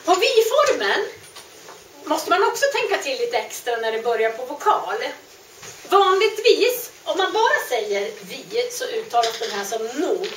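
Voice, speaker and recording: Lively high-voiced woman teaching French. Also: a little hiss or hum. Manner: explains patiently and repeats French words slowly. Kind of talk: grammar lesson. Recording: echoey room, mic at a distance.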